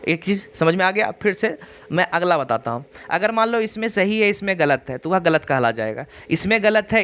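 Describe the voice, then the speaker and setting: A man teaching an online exam-prep reasoning lesson, repeating points and checking understanding with "clear?". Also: sits high, fairly bright tone.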